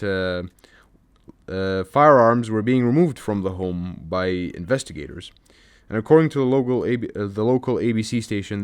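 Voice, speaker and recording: A commentary YouTuber with a fairly low, darkish, clean voice reads a news article and mocks it casually. His delivery rambles, full of fillers and restarts.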